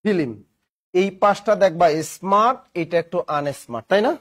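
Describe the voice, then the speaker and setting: A man's voice: high-pitched, lively intonation, normal speed, a bit bright. A man teaching grammar in a classroom lesson, asking questions and answering them himself with playful examples. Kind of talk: classroom lesson with call-and-response.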